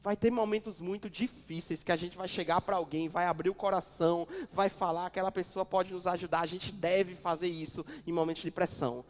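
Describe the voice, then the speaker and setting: A man's voice: sits high, fairly even intonation, a little fast, hardly any pauses. A Brazilian Portuguese-speaking male pastor preaching a sermon, repeating phrases and pushing hard on his points. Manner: preaching with repetition and sudden loud emphasis. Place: church hall. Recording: dull church recording with long reverb.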